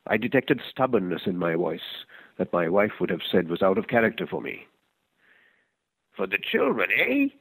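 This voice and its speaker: A man reading a first-person short story aloud in a measured, reflective way. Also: low voice, slightly rough, dry recording, low-quality recording. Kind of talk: scripted story narration.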